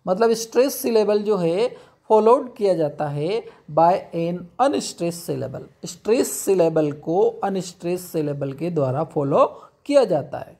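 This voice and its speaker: A man teaching English poetry, explaining step by step and reading definitions slowly. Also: high-pitched, lively intonation, warm tone. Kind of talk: classroom lecture.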